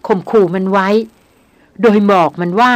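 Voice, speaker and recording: A woman's voice: mid-range voice, normal speed, dry recording, lightly acted. A woman reading the lines of a grown male hunter, who talks politely and evenly. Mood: calm teasing. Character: grown male jungle hunter, calm and teasing.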